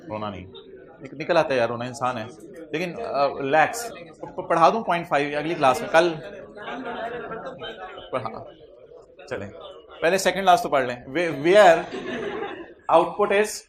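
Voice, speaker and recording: A man with a Pakistani Urdu accent and a slightly high voice lectures a class on tax. He teases and quizzes his students, mixing English phrases into his Urdu.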